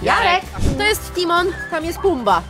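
A woman working at an animal farm, calmly explaining the animals to visitors. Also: very high-pitched, measured pace. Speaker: farm worker and animal guide. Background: loud music.

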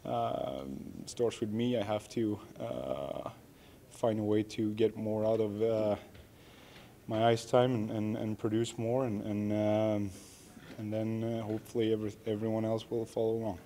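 A man in his thirties, a hockey player, answering reporters after a game in an arena press room, halting and self-critical with many restarts. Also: fairly low pitch, fairly even intonation, dark tone. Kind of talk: post-game media interview. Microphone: media microphones close up.

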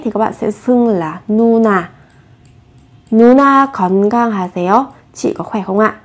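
Woman teacher going over korean phrases, asks lots of questions, kinda high voice. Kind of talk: explaining Korean phrases in Vietnamese.

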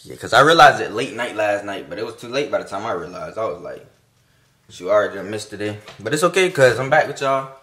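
Here a young man vlogs casually to his phone camera outdoors, his voice fairly low in pitch but a bit bright. He's animated and fast, rambling with slang and words of encouragement.

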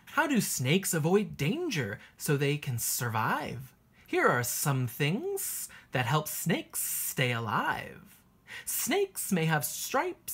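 With a husky voice that sits low, a woman teacher reads a children's picture book aloud, expressive and sing-song.

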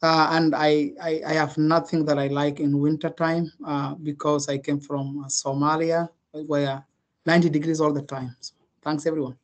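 Flat, hesitant man, short video call intro. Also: fairly high pitch, normal speed. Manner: hesitant, many uhs. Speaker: nonprofit staff.

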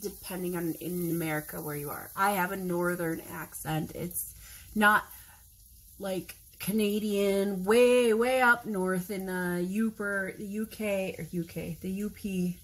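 In a medium-pitched voice with fairly even intonation and a measured pace, a woman in her thirties with a Wisconsin accent chats to camera indoors in her kitchen. She rambles, searches for words, and self-corrects, and the phone camera across the table yields a rough recording.

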